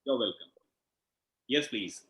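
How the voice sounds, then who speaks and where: This healing instructor and session host has an Indian accent and a mid-range, slightly bright voice with lively intonation, and he takes his time. On an online call from an echoey room, he explains things didactically and keeps asking "right?" to check his listeners are following.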